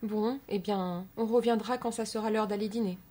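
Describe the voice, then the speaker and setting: A woman's voice: mid-range voice, steady tone, normal speed, mellow, lightly acted. A woman voicing a worried grandmother who fusses and questions anxiously.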